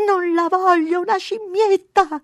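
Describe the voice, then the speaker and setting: A reader puts on a heartbroken little girl who wails through her tears, her voice pitched very high and loud. The reader's own voice sounds dry and close. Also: fairly even intonation, unhurried, no room sound. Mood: sobbing. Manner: crying, high and wailing. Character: sobbing little girl, heartbroken over her lost dog.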